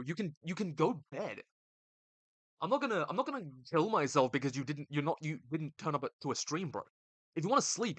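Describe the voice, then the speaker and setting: A man's voice: fairly high pitch, fairly bright tone, no room sound. Laid-back young male streamer. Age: young adult. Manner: reads chat aloud and bickers back, laid-back slangy banter. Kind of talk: casual live-stream chat. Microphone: desk streaming mic.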